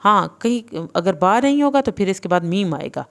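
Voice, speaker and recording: A woman teaches Quran reading in a recorded lesson, her medium-pitched voice animated yet creaky. She slowly spells out and blends syllables, interspersing faster, plain explanations of the rules.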